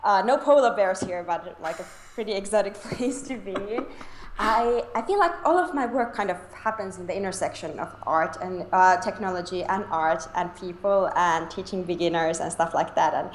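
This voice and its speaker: A woman's voice: fairly low pitch, lively intonation, moderate pace, reverberant, a little hiss or hum. A young woman from Finland, chatting as an interview guest, laughing often and restarting her sentences. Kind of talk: casual interview chat.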